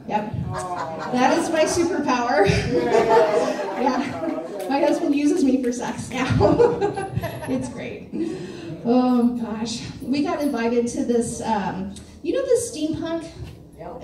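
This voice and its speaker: A woman's voice: fairly high pitch, dark tone, a little hiss or hum. A woman performing a stand-up comedy set, chatty and self-deprecating, often asking the crowd questions. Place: comedy club stage. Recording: echoey club from far off with crowd. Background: audience laughter.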